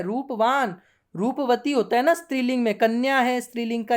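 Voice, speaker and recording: A woman's voice: on the high side, a little mellow. A woman teaching a grammar lesson, patiently repeating word forms and checking in with her students often. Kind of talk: classroom lesson.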